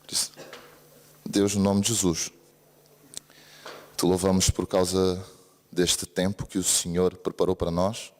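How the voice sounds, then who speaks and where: A Brazilian preacher with a low voice keeps a level tone and measured pace, leaving long pauses. His accent mixes Brazilian and European Portuguese as he gives an earnest sermon in a church service hall, repeatedly seeking an amen amid the hall's long reverb.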